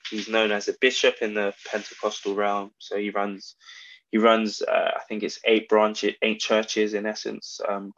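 A man with a South London accent giving reflective, conversational interview answers in a measured, halting way. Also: on the low side, a bit bright, highs cut off. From South London, England. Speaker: interview guest, brand founder.

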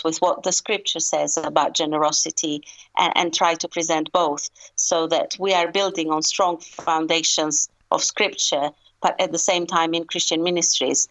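A woman from Albania, in her forties, a consultant giving a radio interview in an earnest, measured way with frequent restarts. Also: low voice, fairly bright tone, rough recording. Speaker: fundraising consultant, guest.

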